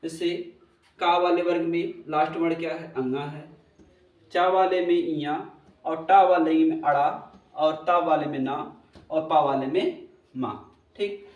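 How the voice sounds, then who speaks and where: A man with a high voice teaches a lesson and keeps repeating points while checking in with his class. He sounds set back from the mic in an echoey room with a faint hum behind him. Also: fairly even intonation, a little slow, long pauses, a little mellow, far from the mic, highs cut off. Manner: repetitive, checks in with listeners often.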